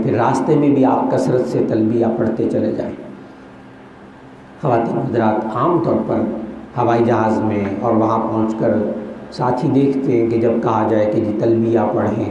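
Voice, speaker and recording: A middle-aged man teaches a crowd in a big, very echoey hall. His voice is mellow and darkish, and the recording sounds dull and lo-fi with a faint hiss. He speaks in a calm, reassuring way, like an instructor. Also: medium pitch. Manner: reassuring, instructive, leads group chanting. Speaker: religious instructor. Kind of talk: pilgrimage training lecture. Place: large hall with an audience.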